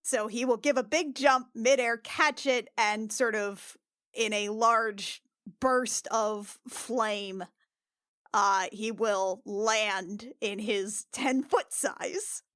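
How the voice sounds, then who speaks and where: A woman's voice: on the high side, slow, a bit bright, no echo, studio quality. A woman playing a tabletop game, casually improvising with hesitant, tentative phrasing. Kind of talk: casual, improvised role-play and description.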